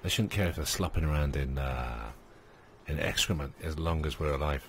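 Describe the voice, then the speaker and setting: Here the gaming channel host's very deep voice moves at a moderate pace, with a little hiss or hum behind it. His casual let's play commentary wanders as he thinks aloud, uses plenty of fillers, and sometimes speaks to the little characters on screen.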